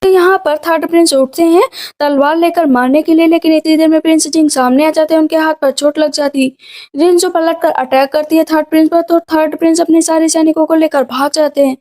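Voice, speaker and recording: Woman narrator, high and mellow, recaps a drama plot and reads every role in nearly her own voice. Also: steady tone, a little fast. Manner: narrates and voices every character herself, with little change in voice.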